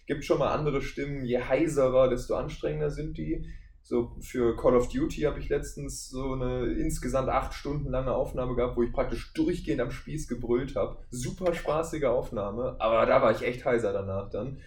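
In an echoey room with faint background noise, a voice actor who also makes audio dramas chats as a podcast guest. His medium-pitched, darkish voice moves at a normal speed. He describes what he does in a relaxed, conversational style.

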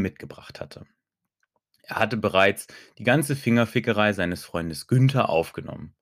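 A man reading a first-person audiobook story in a calm, even way. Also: on the low side, no room sound, clean studio sound. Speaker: audiobook narrator.

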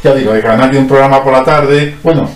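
A man's voice: medium pitch, fast talker, distant mic, slight background noise. A man as a guest in a casual radio-style conversation, explaining at length in a rambling way with many restarts. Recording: roomy sound from off-mic.

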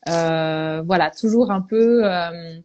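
A woman's voice: lowish voice, slow, a little mellow, lo-fi sound. A woman from Belgium, a veterinarian guest, tells her story in a reflective, hesitant way in a casual podcast interview.

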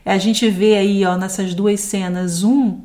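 A woman's voice: mid-range voice, fairly even intonation, slow pace, a little mellow. Brazilian woman teaching from scripture. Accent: Brazilian Portuguese. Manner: reflective, quotes scripture, asks the audience questions. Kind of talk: devotional teaching talk.

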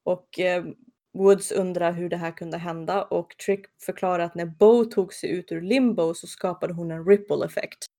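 Woman chatting about a tv episode, slightly low voice, throws in goofy voices. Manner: animated retelling with quick comic voice impressions. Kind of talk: casual recap of a TV episode.

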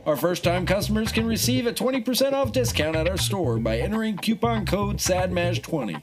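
A man's voice: high-pitched, animated, fairly quick, music in the background. A man playing a sleazy small-town mechanic hawking his shop in a comedic radio ad, with slick salesman patter full of innuendo. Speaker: radio ad announcer.

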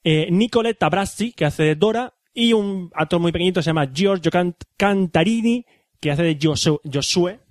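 A man hosts a casual talk show, explaining things with lots of "eh" and restarts. His voice sits a little high, and the recording is close and dry. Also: moderate pace, dry recording. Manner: explains plot with many fillers and restarts. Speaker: podcast host. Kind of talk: casual chat about a film.

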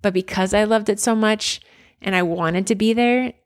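A woman in her forties from near Philadelphia in the United States, a former basketball player, speaks as a guest in a reflective conversational interview. Her medium-pitched voice moves at normal speed, and she talks earnestly and candidly, full of fillers and restarts.

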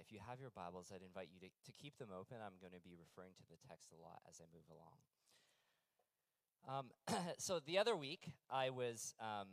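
A man's voice: mid-range voice, fairly bright tone, no room sound, rough recording. A man in his thirties preaching a sermon as pastor, telling stories in a conversational way with fillers and restarts.

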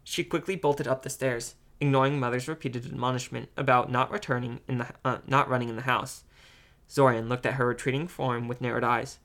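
Halting amateur audiobook narrator, a man. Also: medium pitch, flat delivery, a bit bright. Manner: halting, with ums and self-corrections. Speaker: audiobook reader.

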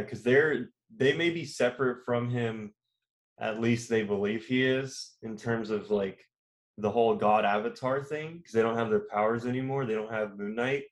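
A man co-hosting a podcast, talking casually in long rambling turns with many fillers and restarts. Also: mid-range voice. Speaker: podcast co-host. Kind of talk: casual chat.

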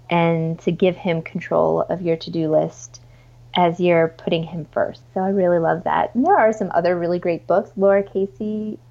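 A woman's voice: on the low side, gravelly, lo-fi sound. A woman chatting casually as a podcast guest, informal and enthusiastic, with plenty of "like" and "you know". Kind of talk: casual, chatty interview conversation.

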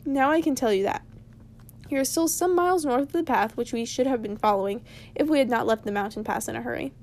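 Brisk, stern old wizard from a storybook, slightly higher voice, a woman reading him. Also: darkish tone, natural voice. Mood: lecturing. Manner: stern, lecturing. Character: old male wizard, brisk and easily cross. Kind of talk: storybook read-aloud.

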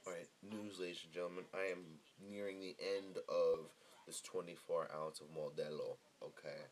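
A man's voice: deep voice, flat delivery, moderate pace. A man giving casual live fight-fan commentary in a sweary frat-bro manner, full of dude and bro slang.

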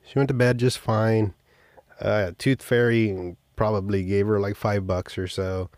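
Casual, swearing podcast host. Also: male voice, on the low side, fairly even intonation, measured pace, a little mellow, no room sound, clean studio sound. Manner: rambling, sprinkled with swearing and offhand jokes. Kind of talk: casual storytelling monologue.

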